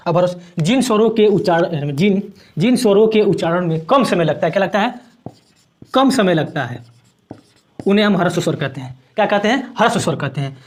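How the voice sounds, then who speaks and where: A man teaching a grammar lesson at a board, asking questions and answering them himself and repeating each definition. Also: sits high.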